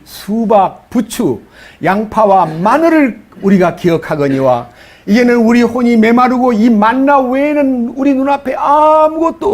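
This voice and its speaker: Korean male preacher, high lively voice. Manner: reads scripture aloud, then explains it with rising, pleading emphasis. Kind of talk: sermon with scripture reading.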